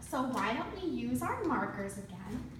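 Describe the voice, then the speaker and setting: A fairly high, sing-song woman's voice, unhurried, guides a class of young children through a read-aloud as a student teacher, with simple directions and prompting questions. It sounds distant and very echoey, with faint noise.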